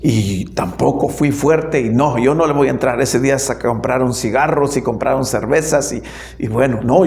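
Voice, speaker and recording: A man, a lay pastor, preaching a sermon in a church, telling stories with emphatic swings between loud and soft. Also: medium pitch, creaky, echoey room.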